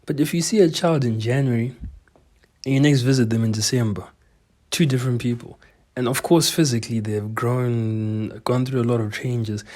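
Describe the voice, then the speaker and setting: A young man talking earnestly in a reflective personal monologue, his voice often trailing off softer at the ends of phrases. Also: medium pitch, normal speed. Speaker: self-improvement vlogger.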